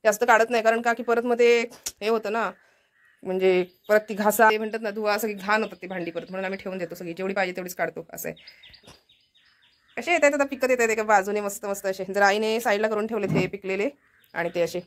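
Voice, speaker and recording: A woman's voice: mid-range voice, fast talker. A woman vlogging casually, chatting to viewers as she walks around a village home with her phone. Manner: chatty, walks about showing the house. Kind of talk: casual vlog chat.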